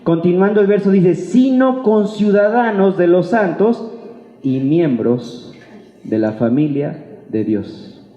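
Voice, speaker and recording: Slow-paced, high-pitched and lively in intonation, a Mexican-accented man preaches to a church congregation as a pastor. The sermon is informal, colloquial and playful, as he acts out imagined remarks and asks rhetorical questions. The dull recording carries the long reverb and echo of a reverberant church hall.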